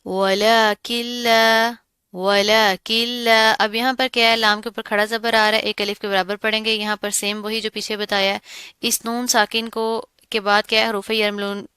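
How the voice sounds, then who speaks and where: A woman teaching a Quran recitation lesson, explaining each rule step by step and repeating words slowly. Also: mid-range voice, level tone, bright, forceful tone, clear, resonant tone, no echo, clean studio sound. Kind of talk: tajweed lesson.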